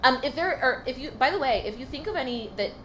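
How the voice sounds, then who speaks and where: A woman's voice: high-pitched, expressive, quick pace, pushed and bright, poor audio. A young woman from California co-hosting a podcast, speaking in a thoughtful, hesitant way with many fillers. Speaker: podcast co-host. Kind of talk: casual chat. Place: apartment in a noisy city. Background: faint music and street noise.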